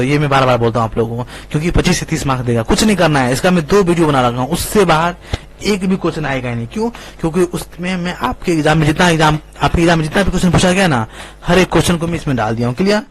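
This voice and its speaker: A man teaching a math exam-prep lesson, emphatic and checking in constantly with his students. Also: a little high. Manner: emphatic, keeps asking "clear?" and "okay?". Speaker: math tutor.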